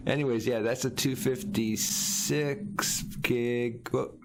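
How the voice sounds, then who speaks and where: A man's voice: medium pitch, fairly even intonation, a little hiss or hum. A man hosting his own livestream, chatting casually. He rambles and halts, often restarting his sentences. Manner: rambling, halting, with frequent restarts. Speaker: Twitch streamer hosting a livestream.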